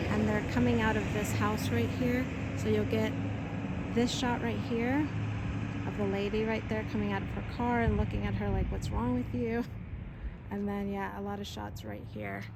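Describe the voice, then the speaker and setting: A woman's voice: medium pitch, background noise. A woman vlogger giving a casual walking tour of film locations outdoors, talking tentatively and thinking aloud as she points things out. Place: outdoors on a residential street.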